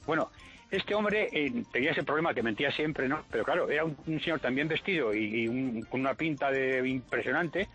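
A man calling a radio show, telling a story with halting, repeated starts. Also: mid-range voice, animated, a bit bright, faint music behind, low-quality recording. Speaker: caller. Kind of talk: telling an anecdote on a call-in show.

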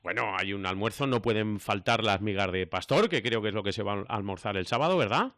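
A man hosting a regional radio show, leading the interview with brisk, friendly questions. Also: fairly low pitch, lively intonation, fairly bright tone, dry recording, studio quality. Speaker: radio host.

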